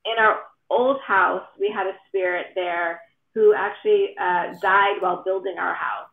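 A woman telling a relaxed anecdote during a casual video chat. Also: mid-range voice, unhurried. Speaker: paranormal investigator guest. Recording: tinny echoey call audio.

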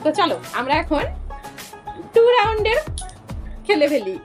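A woman's voice: very high-pitched, very animated, unhurried, faint music behind. A young mother hosting a playful tongue-twister challenge with her daughter, chatty and laughing, talking to her viewers as friends. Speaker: mother and channel host.

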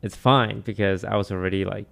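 A young man from Malaysia, chatting casually on a stream in a relaxed way, trailing off with many fillers. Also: lowish voice, a little fast, gravelly. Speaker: streamer answering questions. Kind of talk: casual chat. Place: small home streaming room. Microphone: studio mic on boom arm, headphones.

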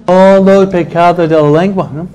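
A man's voice: high voice, fairly even intonation, normal speed, mellow, poor audio. A male priest teaching the commandments to a congregation in a conversational, humorous way, tagging his phrases with a questioning "no?". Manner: conversational, tags nearly every phrase with a questioning "¿no?"; humorous, chuckles at his own jokes.

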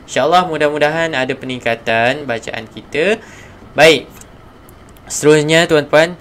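A man with a Malaysian Malay accent teaching Quran reading in a live online lesson, sounding out each syllable slowly and then explaining in quick asides. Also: a little high, fairly bright tone, slight background noise.

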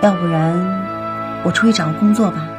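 An actress playing a gentle young wife and mother in a TV drama, talking softly and coaxingly to her family. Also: lowish voice, a little fast, lightly acted. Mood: worried. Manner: soft, coaxing and cooing to a baby. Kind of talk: TV drama acting. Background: loud background music.

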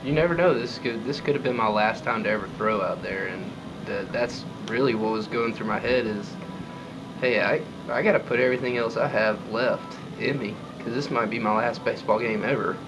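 A young man in his twenties, a college pitcher, answering postgame questions in a relaxed, modest way with lots of fillers. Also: fairly quick, music in the background, rough recording. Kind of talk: postgame press conference. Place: press room before a sponsor backdrop.

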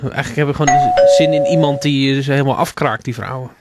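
A man's voice: medium pitch, fairly even intonation, fast talker, heavy background noise. A man hosting a late-night radio show, taking calls in a playful, teasing way and stumbling over his words.

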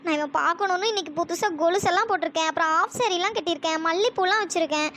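A woman's voice: extremely high pitch, racing, a bit bright, a little hiss or hum. A woman voicing an impatient young girl in a cartoon, complaining while she waits. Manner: fussy, complaining. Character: impatient village girl awaiting her sweetheart.

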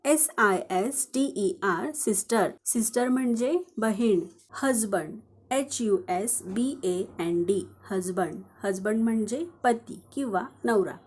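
Marathi lady teacher going slow, spelling out english words letter by letter. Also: medium pitch, husky. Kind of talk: vocabulary lesson.

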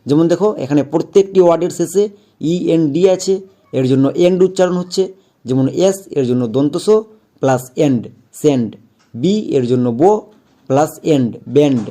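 A man with a warm, rather high voice moves at a fairly quick pace through an English pronunciation video. He spells each word letter by letter and keeps going back over the main rules to stress them.

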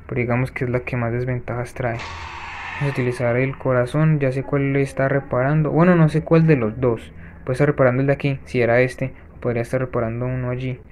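A man hosting a let's-play, chatting to viewers as he plays and breaking off with quick gasping reactions. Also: medium pitch, lo-fi sound, a little hiss or hum. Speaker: gaming channel host. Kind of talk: let's-play gameplay commentary.

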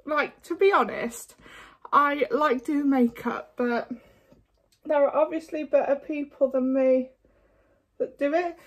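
A woman chatting frankly through a makeup tutorial, her voice going hoarse, with lots of fillers along the way. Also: high-pitched, slow, long pauses. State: losing her voice. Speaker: beauty vlogger. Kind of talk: casual makeup tutorial chat.

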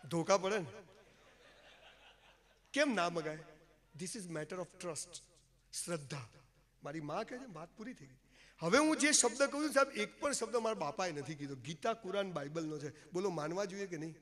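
A man's voice: high voice, normal speed, long pauses, a bit bright. A man giving an emphatic, folksy motivational speech to an audience, joking and mixing in English phrases. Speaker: motivational speaker. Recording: long hall reverb.

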